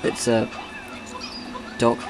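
A man giving casual let's-play commentary as he plays, rambling and joking and breaking into bits of song. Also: very slow. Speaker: game commentator. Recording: noisy home recording.

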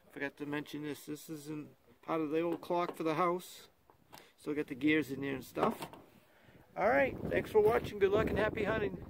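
A man's voice: fairly high pitch, gravelly, a little hiss or hum. A middle-aged man, a metal detecting vlogger, chatting and joking outdoors in a farm field. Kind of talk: casual outdoor commentary and storytelling.

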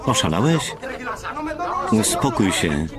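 A man's voice: lowish voice, sing-song, slow pace, over a noisy crowd. A man reading the voice-over for every role of a telenovela, steadily. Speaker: voice-over reader. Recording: loud music behind.

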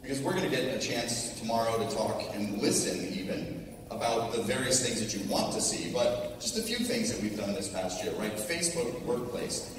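Speaking at normal speed with an expressive, medium-pitched voice, a middle-aged American tech executive delivers a relaxed keynote in a large conference ballroom, his tone slightly hoarse. He often restarts phrases for emphasis and ends points with "right?". A distant audience camera picks up the PA, leaving the sound echoey and noisy.

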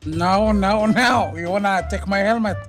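High-voiced man joking over game voice chat. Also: measured pace, fairly bright tone, soft background music. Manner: joking, teasing, repeats "my friend". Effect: heard over in-game group voice chat. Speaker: player. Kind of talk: casual gaming voice chat.

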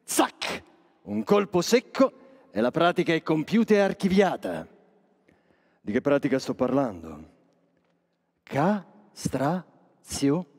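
An actor playing a sly, cynical chapel master, speaking a theatrical monologue straight to the audience in a sardonic, declamatory manner. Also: male voice, a little high, sing-song, normal speed, a little mellow. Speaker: stage actor. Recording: long reverb of a stage hall.

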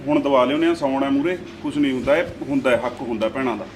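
A man's voice: mid-range voice, slight background noise, natural voice. An actor playing a protective brother who insists on buying gifts for his sister and argues with his wife. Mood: insistent. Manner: insistent and quick to anger. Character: hot-tempered loving brother, a village husband.

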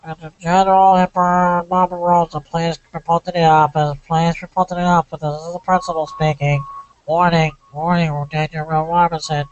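A man's voice: fairly high pitch, little pitch movement, moderate pace. A man doing a droning principal over the intercom. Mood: announcing. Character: male school principal making an intercom announcement. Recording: dull lo-fi with faint noise.

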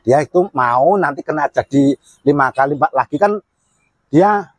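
A man's voice: fairly high pitch, expressive, normal speed, slightly rough, no room sound. A man who keeps goats, talking casually and at length about his animals in a loose, rambling way. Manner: rambling, talkative, in a regional colloquial manner. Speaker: goat farmer. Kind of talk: casual chat.

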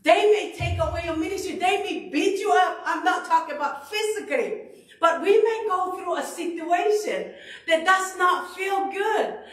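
A middle-aged woman from Tonga preaching a sermon into a handheld mic in a church sanctuary, animated and emphatic, often repeating herself. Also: very high-pitched, moderate pace. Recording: echoey hall, far from the camera.

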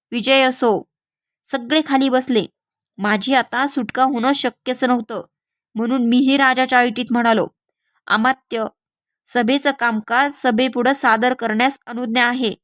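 A woman narrates a novel as an audiobook, with measured and expressive pacing. Her voice sits fairly high, and the recording is dry and close with no room sound. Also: dry recording. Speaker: audiobook reader.

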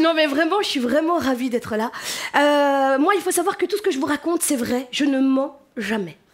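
High-voiced chatty woman comedian. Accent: Parisian suburbs. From France. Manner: animated, chatty, addresses the audience directly. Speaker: stand-up comedian. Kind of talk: stand-up comedy set. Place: comedy stage before a live audience.

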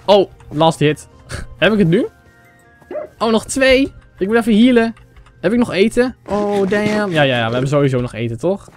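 A young man from the Netherlands with a sore throat, giving excitable casual commentary over a game and talking straight to his viewers. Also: high voice. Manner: excitable, mixes English phrases, talks to viewers as 'jongens'. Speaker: gaming YouTuber. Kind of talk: casual Let's Play commentary.

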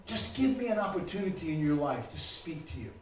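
A man preaching a sermon as pastor, moving between quiet talk and shouted preaching. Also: on the high side, sing-song, brisk, a little hiss or hum. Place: church. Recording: echoey church room, mic far off.

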